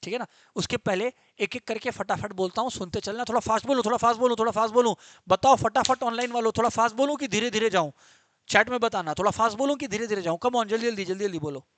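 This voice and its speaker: Brief: high-voiced male teacher, lively and quizzing, close dry mic, live class. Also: fast talker, no room sound. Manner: energetic, repeats points, quizzes students. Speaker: commerce teacher. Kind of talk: live online law lecture.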